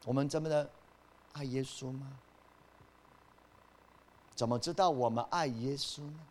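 Preaching man swinging from hush to loud. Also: medium pitch, a little slow. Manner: swings between soft asides and loud emphatic rises; asks the listeners questions, then answers them himself. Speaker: pastor. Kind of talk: sermon.

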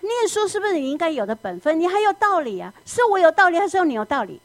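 A woman voicing a furious middle-aged mother who scolds her child in shrill, rapid-fire questions. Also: animated, a little mellow, dry recording. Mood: aggrieved.

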